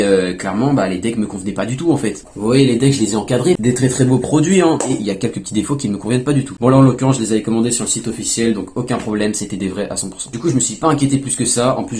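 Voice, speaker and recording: A young man casually telling a story to his vlog audience, chatty, with quick asides to himself. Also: lowish voice, a little mellow, a little hiss or hum. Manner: fast, chatty, self-talk asides. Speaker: fingerboard YouTuber.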